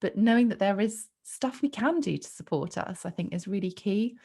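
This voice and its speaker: A woman's voice: medium pitch, animated, moderate pace, vocal fry, warm tone. A woman hosting a podcast interview, talking reflectively and hedging with plenty of fillers. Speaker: podcast host.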